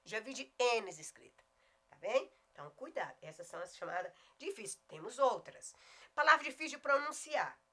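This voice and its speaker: A middle-aged woman with a Goiás Brazilian accent teaching a video lesson on spelling, emphatic and often slowing down to spell words out. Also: on the high side, very animated, sharp tone. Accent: Goiás Brazilian Portuguese. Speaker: Portuguese teacher.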